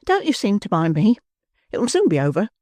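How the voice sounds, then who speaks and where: A man voicing a pale, worn young woman who speaks softly and pleads tenderly, raising his voice high for her. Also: wildly swooping pitch, brisk, dry recording. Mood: pleading.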